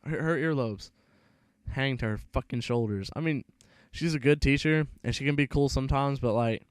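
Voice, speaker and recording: Over gameplay, a young man in his late teens tells a rambling, profane story about school, casually starting over as he goes. He speaks at a normal speed in a medium-pitched, smooth voice, and the recording is dry.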